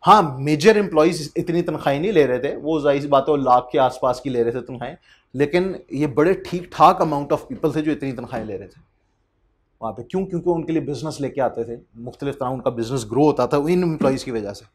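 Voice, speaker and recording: A man in his thirties from Pakistan, giving an accountancy lecture in a conversational way, reading English passages slowly and asking the class rhetorical questions. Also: medium pitch.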